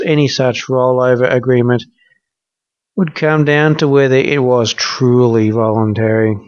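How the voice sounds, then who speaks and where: A man reading financial news for a podcast in a measured way, marking quotes aloud. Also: mid-range voice, dry recording, muffled recording.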